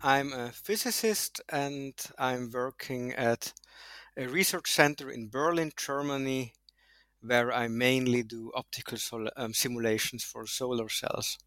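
A man from Austria, a physicist, speaking in a thoughtful, measured way in an interview. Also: mid-range voice, fairly bright tone, no room sound. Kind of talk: interview testimony.

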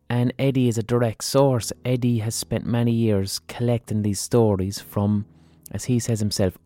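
An Irish man speaks as a podcast host in a low, soft-edged voice. He is informal and earnest, and swears freely. Faint music sits behind him. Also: dry recording. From Ireland. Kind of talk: casual spoken podcast introduction and interview.

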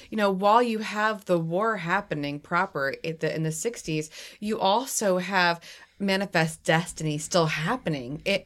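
Lower-voiced playful woman. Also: fairly bright tone. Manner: playful, laughs often, jokes in asides. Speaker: podcast co-host and teacher. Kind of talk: casual chat.

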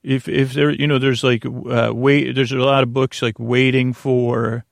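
Clean studio sound with no echo captures a bedtime podcast host through a close, dry mic. His mid-range voice is flat, gravelly and creaky; he rambles digressively, losing his thread, and stammers with repeated words.

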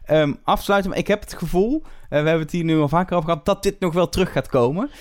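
A man's voice: a little high, fast. Musing man hosting a podcast. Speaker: podcast host. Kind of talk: casual podcast chat.

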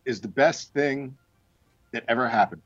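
A man calling into a talk show over Skype from home, his hollow audio sounding as if he is at the bottom of a well, talking in a wry, halting way with restarts. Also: mid-range voice, no echo, soft background music. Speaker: guest on a call-in show. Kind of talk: casual chat. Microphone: Skype call from home. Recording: dull lo-fi Skype line.

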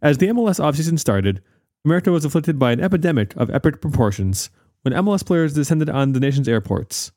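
A man's voice: fairly high pitch, big pitch swings, fast talker, mellow, no echo, clean studio sound. A man playing an earnest, insistent TV news investigative reporter in a mock-serious parody report.

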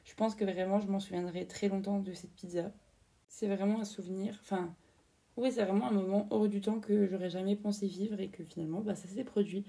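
A woman's voice: medium pitch, steady tone, fairly quick, vocal fry, warm tone, far from the mic. A young woman in her twenties from France, hosting a casual storytelling podcast in a chatty way, full of fillers and slang. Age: 20s. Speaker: podcast host.

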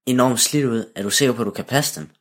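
Grumpy near-teen boy, sullen, grumbling, slightly low, read by a man. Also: close to an everyday voice. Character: grumpy boy on the edge of his teens. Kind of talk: storybook narration.

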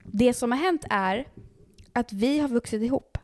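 Young woman, podcast co-host, fairly high voice, animated casual talk. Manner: animated, swearing, quick shifts in pitch. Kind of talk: casual chat.

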